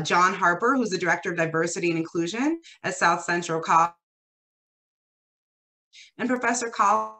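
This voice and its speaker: A woman moderating an online forum over a video call, warmly thanking one speaker and introducing the panelists. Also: medium pitch. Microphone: webcam on a video call.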